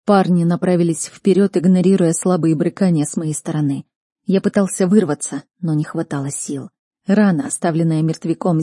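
A woman reading first-person fantasy narration as an audiobook reader, measured and tense. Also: sits low, warm tone, husky, no echo, clean studio sound.

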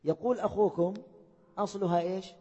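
A man teaching a classroom lesson, pitched a little high with a husky, mellow tone. He keeps asking his students questions and repeats key points. The recording is dull and lo-fi, with a long hall reverb behind him. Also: fairly even intonation, fast. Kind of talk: classroom lesson on Arabic morphology. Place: lecture hall.

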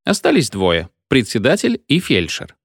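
A man reading a satirical story aloud in an expressive, wry storytelling manner. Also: medium pitch, moderate pace, breathy edge, dry recording, clean studio sound. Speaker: narrator.

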